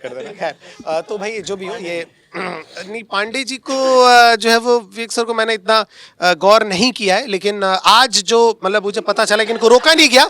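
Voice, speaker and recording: A man's voice: sits high, normal speed, bright, forceful tone. A young man, a coaching teacher, chatting casually and teasing his colleagues with frequent laughs. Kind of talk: casual joking chat among colleagues.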